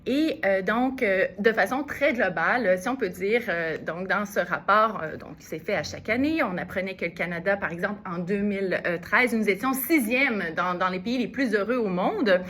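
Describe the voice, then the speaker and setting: A woman's voice: mid-range voice, normal speed, few pauses, a bit bright, a little hiss or hum. A woman with a Québécois French accent giving a radio column, chatty, with lots of fillers and restarts. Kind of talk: radio talk segment. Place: radio studio.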